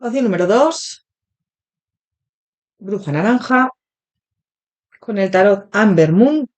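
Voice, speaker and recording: Her medium-pitched voice is animated and a little mellow as she hosts an interactive tarot reading for her channel's viewers. The host has a Spain Spanish accent, a throat still sore from a cold, and a chatty style with frequent filler pauses.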